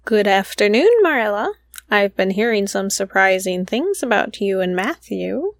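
A woman's voice: medium pitch, lively intonation, normal speed, no room sound, clean studio sound, lightly acted. A woman playing a blunt, judgmental, nosy older neighbor woman in an amateur radio play. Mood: polite.

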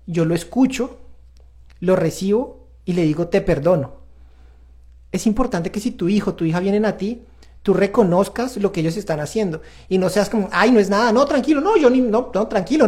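Earnest dad, reflective talk. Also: male voice, high voice, mellow. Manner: earnest and confessional, speaking to viewers directly. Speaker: parenting show host. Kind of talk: reflective faith-based parenting talk.

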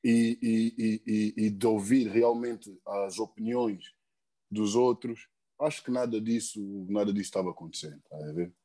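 A man's voice: lowish voice, moderate pace, warm tone. A young man, talking earnestly as a podcast guest, stumbling over repeated words and tags. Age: young adult. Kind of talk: casual chat.

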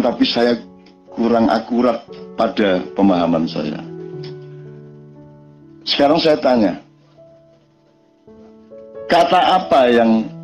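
With a darkish, medium-pitched voice caught on a muffled recording, an East Javanese man delivers a casual religious talk. Speaking in his regional accent, he wanders conversationally and leans on rhetorical questions.

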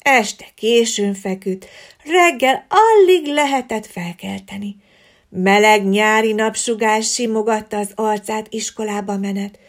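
A woman reading a children's story aloud in an expressive, lilting storybook manner. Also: a little high, gravelly.

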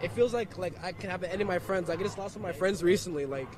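Young man protester, high voice, halting and quick, crowd loud behind. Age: young adult. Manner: halting, hesitant, repeats himself. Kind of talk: street interview. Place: outdoor city street.

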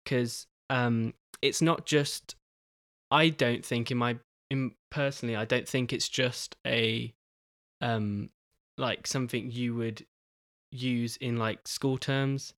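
A young man hosting his own podcast in a casual solo talk, halting, with many pauses and restarts. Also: medium pitch, fairly even intonation, a bit bright, dry recording, studio quality. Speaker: podcast host.

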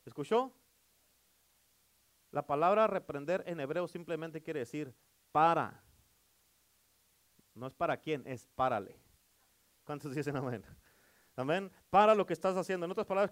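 A middle-aged male pastor preaching a sermon, emphatic and repetitive, often calling for amens. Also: a little high.

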